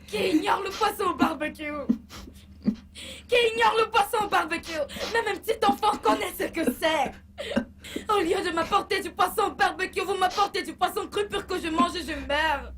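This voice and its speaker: A woman's voice: very high-pitched, normal speed, fairly bright tone, distant mic, a little hiss or hum. A woman playing a pregnant, demanding lady of the house who wails through tearful complaints in a dubbed film. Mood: tearful, indignant. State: crying.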